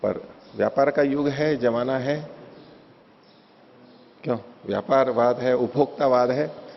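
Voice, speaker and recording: A man's voice: medium pitch, measured pace, vocal fry, slight background noise. A man giving a Hindi lecture on Vedic philosophy, explaining with everyday examples and the occasional chuckle. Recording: dull lo-fi recording in a reverberant hall.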